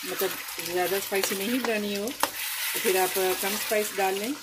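A woman, casually talking through a home cooking recipe step by step, unhurried and full of fillers. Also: medium pitch, steady tone. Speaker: home cooking channel host. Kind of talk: casual cooking tutorial voice-over. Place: home kitchen at the stove. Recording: loud cooking noise behind voice. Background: loud sizzling and frying from the pan.

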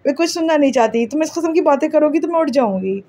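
A woman voicing a proud, touchy young girl in an audiobook, quick to take offense. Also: high voice, animated, mellow. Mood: indignant. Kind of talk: audiobook character reading.

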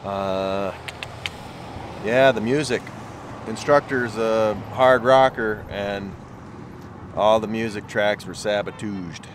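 This middle-aged fitness vlogger has a lowish voice and takes things slowly, leaving long pauses over background noise. He chats casually, calling himself a complainer, as he vlogs from a parked car, then outside a truck, then his home office.

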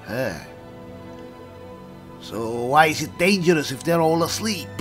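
A man's voice: fairly high pitch, expressive, measured pace, soft background music. A man voicing a blunt, simple, easygoing barbarian adventurer in a video game role-play, casual and folksy, often ending questions with "eh". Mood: curious. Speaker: player of the game. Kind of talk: in-character video game playthrough.

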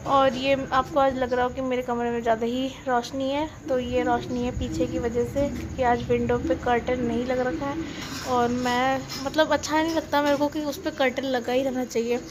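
A woman's voice: sits high, level tone, normal speed, background noise. A young woman in her twenties narrating her day in a casual vlog voice-over. She chats and grumbles playfully, and her throat is slightly sore. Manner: chatty, complaining in a playful way. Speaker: vlogger. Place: indoors at home.

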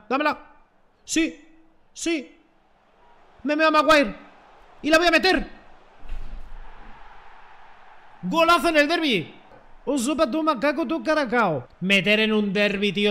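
Excitable young man gaming. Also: high voice. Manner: excitable, joking, shouts at plays. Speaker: gaming streamer. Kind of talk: live gameplay commentary.

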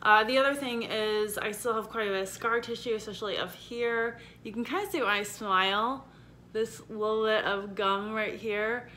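Bright-voiced woman talking with a sore jaw. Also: normal speed, a little hiss or hum. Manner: talks with a sore, stiff jaw and numb lower lip, slightly impaired articulation. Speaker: vlogger giving a surgery recovery update. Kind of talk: casual chat to camera. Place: indoor room at home.

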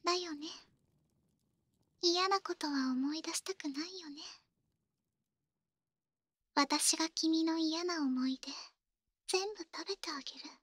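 A young woman voicing a possessive, coddling female wizard in ASMR role-play, coaxing with soft menace. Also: very high voice, a little slow, pauses often, no echo, studio quality. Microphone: close, dry studio microphone.

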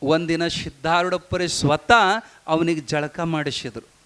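A male preacher tells a devotional story. He speaks in lively local dialect and keeps a steady storytelling flow. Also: a little high, measured pace, clear, resonant tone. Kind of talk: storytelling sermon.

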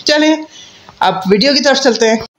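A woman's voice: high-pitched, animated, moderate pace. A woman from Pakistan, talking through cloth as she chats in a casual vlog intro and pleads with viewers to comment and subscribe. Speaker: food vlogger.

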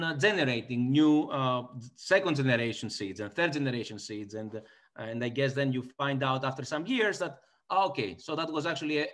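A Greek man in his forties, an economist appearing as a guest in a conversational video call interview, speaks with a Greek accent in a medium-pitched, fairly bright voice. He is thoughtful but full of fillers and restarts, recorded on a laptop webcam in a small indoor room.

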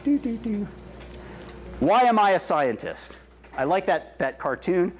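In a high-pitched voice at a measured pace, a middle-aged man gives an enthusiastic science talk to children, answering their questions and mixing in Spanish phrases. He walks and gestures in front of them in a large cafeteria full of kids, wearing a wireless headset or lapel mic. The recording is distant and roomy, with children noisy behind him.

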